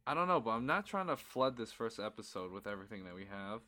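A young man hosting a casual podcast chat with friends, slow-talking with loud joking bursts. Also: lowish voice, big pitch swings, crowd noise. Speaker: podcast host.

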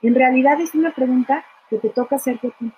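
Chatty woman, bright pitch. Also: quick pace, a little hiss or hum, low-quality recording. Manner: warm, conversational, addresses viewers by name. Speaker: speaker answering viewer questions. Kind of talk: live talk on emotions.

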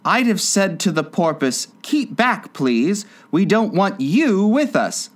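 Guy putting on a curious little girl, polite, pitched up. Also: big pitch swings, slow, full character voice. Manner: polite and wondering.

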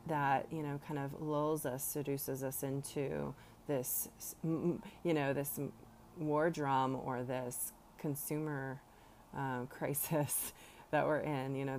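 A woman's voice: low voice, vocal fry, darkish tone, a little hiss or hum. A woman hosts a podcast, musing earnestly in a rambling, reflective monologue full of fillers. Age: 40s. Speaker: podcast host.

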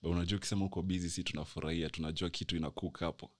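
A man's voice: low-pitched, little pitch movement, rapid-fire. A young man with a Kenyan accent hosting a casual podcast, talking in slangy mixed Swahili and English. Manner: slangy, code-switching between Swahili and English. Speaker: podcast co-host.

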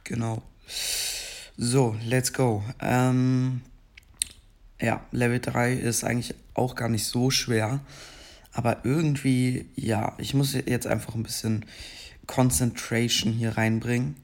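Playing a game, this young gaming video maker drifts through slow, casual chatter before blowing up in frustration. He has a mid-range, darkish voice that is scratchy from the morning, and his delivery is flat.

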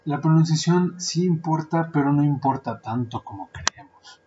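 Music plays behind this podcast host, a man whose voice leans high and whose pace is moderate. Speaking with a Mexican Spanish accent, the translator and interpreter rambles through a chatty, joking monologue full of fillers, recorded in dull lo-fi.

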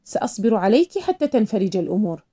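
A woman's voice: mid-range voice, sing-song, fast talker, mellow, husky. A woman voicing a stern, evasive businessman defending himself over a debt. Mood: defensive.

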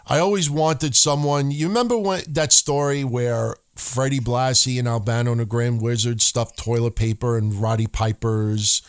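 A male wrestling podcast co-host talks at normal speed in a medium pitch, smooth and with few pauses. The chat is casual, animated and freely profane, sometimes dipping into joking broken-English voices.

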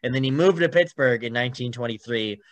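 A man's voice: medium pitch, quick pace, dry recording. A young man co-hosting a sports podcast, chatting casually and rambling with fillers as he goes. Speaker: podcast co-host.

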